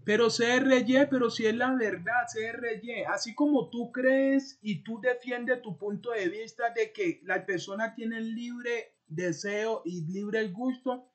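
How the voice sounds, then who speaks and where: A man, reacting defensively on his own stream, repeating the other streamer's name and flaring up loudly at times. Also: very high voice, measured pace, hardly any pauses. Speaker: streamer reacting to a video about himself. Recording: dull lo-fi stream audio.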